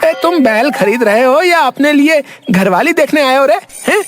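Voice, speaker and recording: A woman voicing a bumbling, foolish middle-aged village husband in a cartoon, whiny and slow on the uptake. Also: high-pitched, expressive. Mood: cheeky. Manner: whiny, dim-witted, drawn-out questions. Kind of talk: cartoon voice acting. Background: background music.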